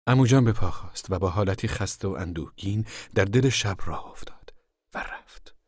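A man narrating a novel aloud in a steady, hushed storytelling manner. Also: deep voice, husky, no echo, studio quality. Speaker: audiobook narrator. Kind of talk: scripted narration.

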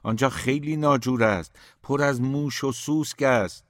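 A man's voice: mid-range voice, dry recording, studio quality, voice pushed up, close to an everyday voice. Outspoken young woman, read by a man.

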